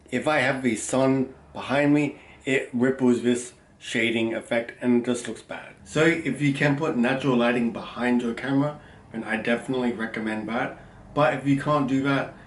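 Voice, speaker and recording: A man with a slight stutter, giving tips in an instructional vlog from a room at home, speaking loudly and deliberately. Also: mid-range voice, far from the mic. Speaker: content creator giving tips. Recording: roomy, mic set back, faint ambience.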